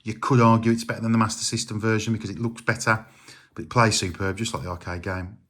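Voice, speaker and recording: Middle-aged man, slightly low register, casual rambling vlog delivery, plenty of filler words. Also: fast talker. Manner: relaxed, rambling, many ums and uhs. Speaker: retro game collector.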